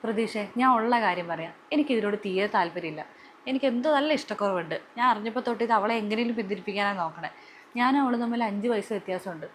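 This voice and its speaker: A woman's voice: medium pitch, fast, slight background noise, close to an everyday voice. A woman playing an angry, proud elder sister who scolds and objects in a family skit. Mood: stern. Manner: indignant, scolding.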